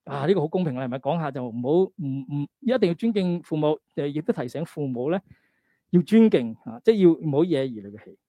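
Higher-pitched Cantonese-speaking pastor, mellow man's voice. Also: lively intonation, fast talker, no echo. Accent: Hong Kong Cantonese. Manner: exhorting, asks rhetorical questions and check-in tags. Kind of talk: conversational sermon with scripture readings.

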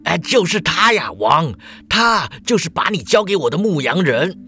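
A man's voice: a little high, sing-song, normal speed, sharp tone, faint music behind, pitched above the performer's own voice, full character voice. A man voicing a shrewd male messenger who speaks in a knowing, insistent way.

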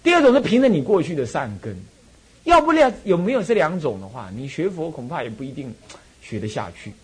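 A Buddhist monk who is a temple abbot, with a Taiwanese Mandarin accent, gives a dharma talk full of personal stories, repeating phrases and chuckling as he goes. His fairly high, slightly rough voice is very animated and fairly quick.

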